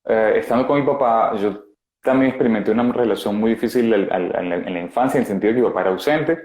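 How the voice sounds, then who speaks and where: A man in his thirties with a Venezuelan accent, a guest speaking frankly and haltingly about his past over a video call. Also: on the low side, darkish tone, roomy sound. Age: 30s. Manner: frank, halting, many fillers. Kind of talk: candid personal testimony.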